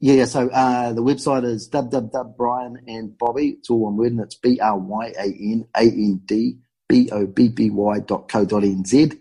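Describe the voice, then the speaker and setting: A man's voice: medium pitch, fairly even intonation, moderate pace, warm tone, slightly rough, poor audio. A man with a broad New Zealand accent chatting casually and informally as a guest in a podcast interview.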